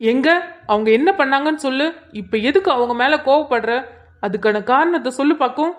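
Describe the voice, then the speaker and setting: A woman voicing a hot-tempered young husband in a cartoon drama, scolding and sharp. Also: high voice, fairly quick, natural voice. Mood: angry. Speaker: cartoon character voice.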